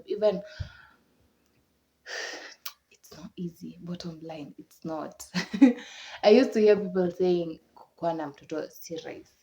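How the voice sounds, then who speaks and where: A woman's voice: fairly low pitch, dark tone. A young Kenyan woman chatting casually to camera, laughing often and repeating words for emphasis. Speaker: vlogger. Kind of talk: casual chat. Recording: dull lo-fi recording.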